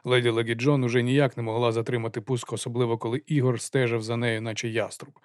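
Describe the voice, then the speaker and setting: A man narrating an audiobook in a calm, even reading voice. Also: mid-range voice, fast talker, no echo, studio quality.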